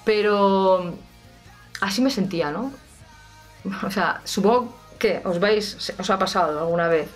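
A woman's voice: mid-range voice, unhurried, pauses often, soft background music. A woman with a Spanish accent from Spain, a rock singer talking casually and candidly to her audience, emphatic, swearing freely and restarting her sentences. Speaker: rock singer and vocal coach. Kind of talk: casual personal storytelling to camera.

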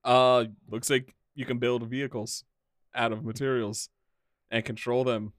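A man's voice: mid-range voice, level tone, a little slow, no echo, clean studio sound. A man co-hosting a casual gaming podcast, eagerly explaining game features at length. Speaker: podcast co-host. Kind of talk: casual chat.

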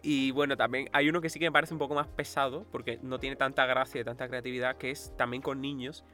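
A man's voice: medium pitch, fast, faint music behind. A young man from Spain co-hosting a casual podcast chat, retelling stories and acting out quotes. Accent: Spain Spanish. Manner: animated storytelling, acting out quotes, frequent laughter. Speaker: podcast co-host.

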